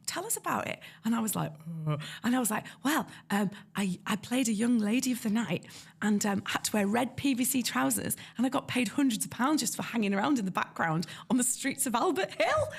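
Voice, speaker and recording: In a creaky, medium-pitched voice, this North East English illustrator shares stories as a guest in a relaxed interview. She brings real energy, performing the voices of anyone she quotes.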